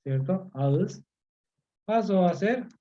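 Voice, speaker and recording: A man with a fairly high, mellow voice tutors online, unhurried and patient. He repeats each term and keeps checking that the listener follows. The audio is dull and lo-fi, like a video call. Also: lively intonation. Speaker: language teacher.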